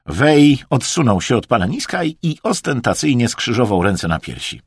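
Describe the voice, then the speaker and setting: A man reading an adventure audiobook in a dramatic, highly expressive way. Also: normal speed, husky, no room sound, studio quality. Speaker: audiobook narrator. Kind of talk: scripted audiobook narration.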